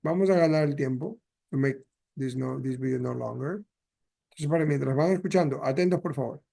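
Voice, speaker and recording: A man's voice: medium pitch, a little fast, gravelly, mellow. A male English teacher explaining grammar patiently to a class, switching between Spanish and English.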